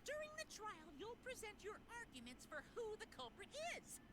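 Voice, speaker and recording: Monokuma, squeaky gleeful sadistic bear. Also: female voice, big pitch swings, moderate pace, heavy background noise. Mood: mock formal. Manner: theatrical, taunting showman. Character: gleefully sadistic robot bear running a deadly class trial. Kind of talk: cartoonish game villain acting. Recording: loud game music behind.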